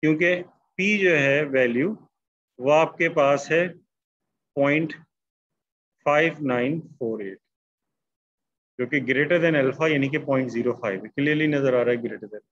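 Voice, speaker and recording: In a lo-fi recording with a bit of hiss or hum, a man with a mid-range, fairly bright voice teaches statistics online. He speaks slowly, dictating each sentence word by word while writing it.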